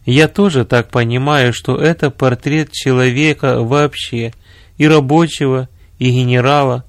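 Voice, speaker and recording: A man's voice: medium pitch, fairly even intonation, measured pace, no room sound, studio quality, natural voice. A man voicing an earnest male minister who explains scripture patiently.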